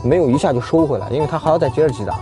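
Brief: man, car reviewer, rapid chatty delivery in a car, music playing under him. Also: fairly high pitch. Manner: quick, chatty, evaluating sound with fillers. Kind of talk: casual in-car review chat. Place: inside a car.

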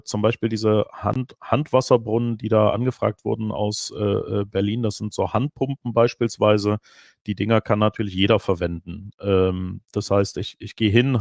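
Gravelly-voiced middle-aged man on a headset. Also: fairly low pitch, dry recording, studio quality. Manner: animated, frequent hesitations and restarts. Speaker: keynote speaker. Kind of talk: conference Q&A over video call.

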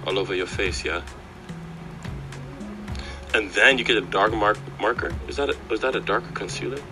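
Guy w kinda low voice guessing his way thru makeup steps, confused, music behind. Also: moderate pace. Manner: puzzled, questioning. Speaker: guest voice-over commentator. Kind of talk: casual running commentary on a makeup routine. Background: background music.

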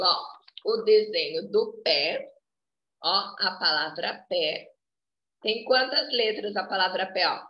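A woman preschool teacher with a Brazilian Portuguese accent, coaxing little children through a remote lesson in a slow, singsong way and saying "ó" again and again. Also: medium pitch, pushed and bright. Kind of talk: remote class for small children. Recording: echoey, dull lo-fi home video.

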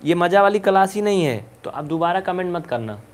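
This animated maths teacher, whose voice sits high for a man, runs a live online basic algebra class. Brisk and coaxing, he hurries students to answer and occasionally teases them with a playful scolding.

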